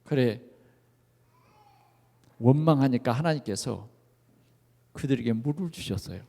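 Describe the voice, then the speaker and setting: A man's voice: medium pitch, measured pace, creaky. A male pastor preaching a sermon in a church, often asking the congregation questions. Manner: animated, asks the congregation questions. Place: church sanctuary. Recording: echoey church hall.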